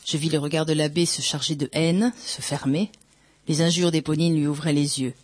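Brief: audiobook reader, mid-pitched, unhurried first-person narration of a dark novel. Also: fairly even intonation, no room sound.

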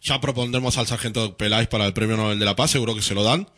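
A man's voice: lowish voice, very fast, a bit bright. A man hosting a rock radio show, chatting informally and joking with his co-hosts. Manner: joking, informal, says "tío".

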